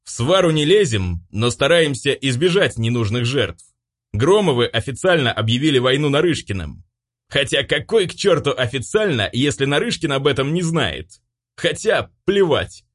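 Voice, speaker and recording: Мужчина изображает рявкающего начальника тайной канцелярии. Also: male voice, medium pitch, sing-song, moderate pace, pitched above the performer's own voice. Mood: alarmed. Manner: loud, barking orders. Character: gruff male chief of secret police.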